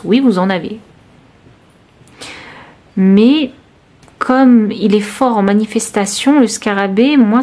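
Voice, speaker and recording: A woman reading tarot cards for her viewers, talking straight to them in a searching, reassuring way with many pauses and restarts. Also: medium pitch, a little mellow. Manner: intimate, reassuring, addresses viewer directly. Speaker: tarot reader. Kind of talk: intuitive tarot reading to camera.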